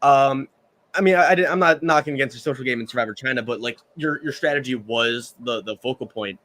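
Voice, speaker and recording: A man's voice: medium pitch, a little fast, fairly bright tone. A man in his early thirties, a podcast co-host asking long, rambling, enthusiastic questions. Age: 30s. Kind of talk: casual podcast chat.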